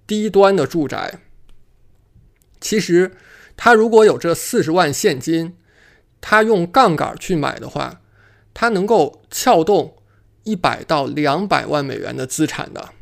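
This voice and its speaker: A man presenting an instructional monologue as an investing coach, making his points emphatically and deliberately. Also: on the high side, vocal fry. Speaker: host and real estate investing coach.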